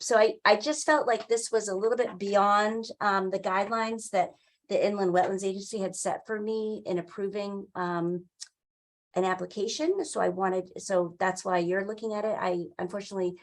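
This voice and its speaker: An older woman giving an informal, halting explanation as a staffer in a meeting over a video call. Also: medium pitch, steady tone. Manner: halting, explanatory, with frequent pauses mid-phrase. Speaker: town wetlands staffer running a public meeting. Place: indoor room, on a video call. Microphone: computer mic on a video call.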